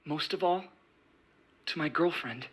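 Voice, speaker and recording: An actor voicing a meek young man giving a soft, earnest apology. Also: fairly high pitch, measured pace, breathy edge. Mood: contrite. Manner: soft, earnest, contrite reading.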